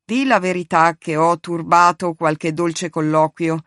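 A woman's voice: on the low side, steady tone, a little slow, fairly bright tone, no echo, studio quality. A woman reading the part of a tense, troubled young man in a strained, nervous voice. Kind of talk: audiobook reading.

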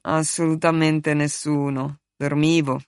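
Drowsy smug guy, read by a woman, lowish and dry. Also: flat delivery, a little slow, darkish tone, clear, resonant tone, no echo. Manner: drowsy, dismissive. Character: sleepy, vain, self-assured man. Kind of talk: audiobook reading.

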